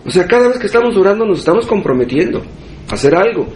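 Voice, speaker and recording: A man's voice: high voice, big pitch swings, fast, a little mellow, roomy sound, slight background noise. A man with a Mexican Spanish accent preaching a sermon as pastor, asking rhetorical questions and repeating phrases for emphasis. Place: church hall.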